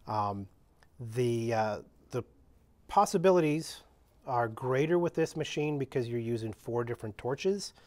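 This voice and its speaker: A man's voice: medium pitch, animated, darkish tone. Plain-spoken man explaining a repair. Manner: plain, halting, many "uh" fillers and restarts. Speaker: equipment demonstrator. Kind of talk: unscripted how-to demonstration. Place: indoor workshop with benches.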